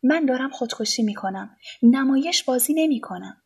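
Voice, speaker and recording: A woman's voice: fairly high pitch, husky. A woman reading a storybook voices an agitated, despairing young man of twenty. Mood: angry. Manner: agitated, raised voice.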